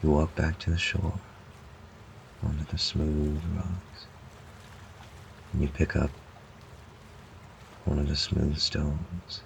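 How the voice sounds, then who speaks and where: A man narrating a guided relaxation meditation in a calm, soothing, measured way, with long pauses. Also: very deep voice, creaky, a little hiss or hum, rough recording.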